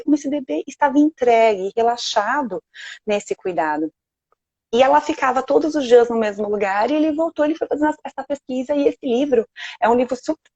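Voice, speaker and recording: A woman with a Brazilian Portuguese accent, a sleep consultant speaking gently and reassuringly on a live video call. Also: a little high, dry recording, lo-fi sound.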